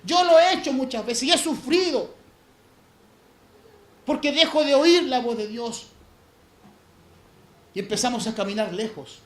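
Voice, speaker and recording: A man preaching a sermon as pastor, swinging between loud emphasis and hushed low passages. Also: unhurried, long pauses. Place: church sanctuary. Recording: echoey church room, faint ambience.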